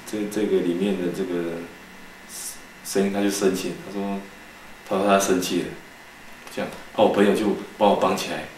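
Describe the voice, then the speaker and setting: A man's voice: low-pitched, echoey room, a little hiss or hum, rough recording. A man giving a personal faith testimony in church, telling his story earnestly with many restarts and quoted dialogue. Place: church hall.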